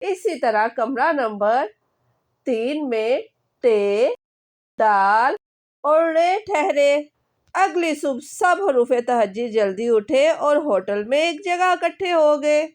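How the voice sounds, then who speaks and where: A woman narrating a children's storybook, reading out letter names and their sounds in a slow, clear, steady manner. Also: sits high.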